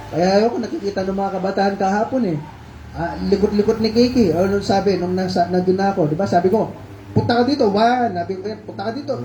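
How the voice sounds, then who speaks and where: A preacher with a Filipino accent gives a conversational sermon in Taglish in a church hall, politely coaxing the congregation with questions and cues to read verses aloud. His voice is medium-pitched over a noisy background, and the livestream audio sounds dull and echoey.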